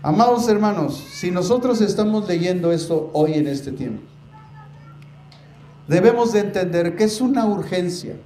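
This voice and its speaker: A man preaching to his congregation with a rather high voice, pressing hard on his main points and drawing words out for weight. He keeps turning to the listeners as brothers. The sound is roomy, with a faint hiss behind it. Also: lively intonation, dark tone. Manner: emphatic, slows down to stress key words. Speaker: pastor. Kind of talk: sermon. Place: church. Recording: echoey church room with faint noise.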